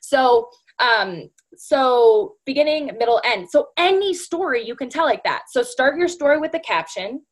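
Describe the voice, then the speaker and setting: This woman's voice sits high and sounds expressive as she trains her sales team, moving unhurriedly with few pauses. The motivational talk is casual and chatty, full of "like" and "you know," with frequent nods to "you guys."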